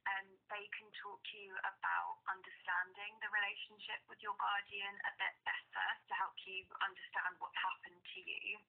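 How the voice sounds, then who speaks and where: A woman support worker on a phone call, explaining things gently and carefully, heard over a phone line. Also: medium pitch, flat delivery, moderate pace, vocal fry, few pauses.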